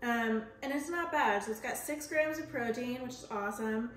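Chatty mom vlogger in an echoey kitchen. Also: female voice, on the high side, moderate pace. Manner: chatty, upbeat, with filler words. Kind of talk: casual grocery haul vlog. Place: home kitchen, indoors. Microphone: camera on counter, mid framing. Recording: echoey kitchen with faint noise.

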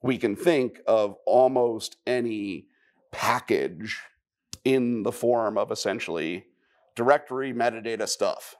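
A man giving a live technical conference talk, conversational, with wry asides and quick questions to the audience. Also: fairly low pitch, darkish tone. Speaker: conference speaker.

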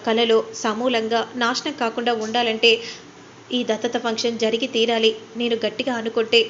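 A woman's voice: a little high, muffled recording, a little hiss or hum, lightly acted. A woman voicing a clever young wife who speaks politely but coolly mocks her rival. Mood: determined. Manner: polite on the surface, coolly mocking.

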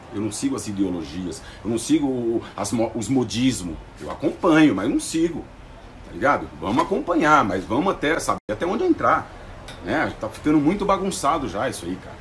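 Fast, animated man ranting. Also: mid-range voice, a little hiss or hum. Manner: fast, animated, slangy and combative. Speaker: vlogger reacting to a TV report. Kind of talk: casual defiant vlog rant.

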